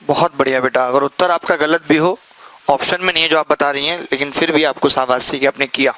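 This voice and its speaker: Bright, playful maths teacher man. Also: a little high, fairly even intonation, brisk, no room sound, poor audio. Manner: joking, teasing students between explanations. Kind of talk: live classroom maths lesson.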